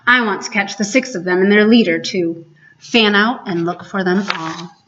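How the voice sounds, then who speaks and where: A woman's voice: medium pitch, normal speed, fairly bright tone, lo-fi sound, slight background noise, close to an everyday voice. A woman voicing a mean, vengeful storybook pirate captain haunted by fear, with grave old-fashioned diction. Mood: commanding.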